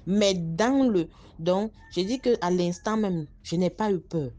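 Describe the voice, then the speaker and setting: A woman's voice: on the low side, slow, mellow. A woman telling her own story casually, speaking straight to her listeners and painting vivid pictures. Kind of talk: casual first-person storytelling.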